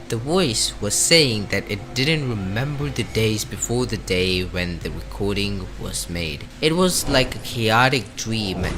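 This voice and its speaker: A man narrates scripted game lore in a dramatic, animated way. His voice sits on the low side but swings widely in pitch for emphasis. Music plays clearly underneath him. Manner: dramatic, with rising and falling emphasis.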